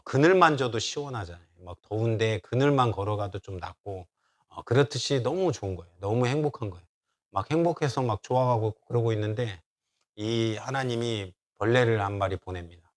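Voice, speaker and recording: A man preaching as a church pastor, retelling a story in a conversational way and acting out the quoted voices. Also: medium pitch. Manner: conversational with fillers. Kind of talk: sermon.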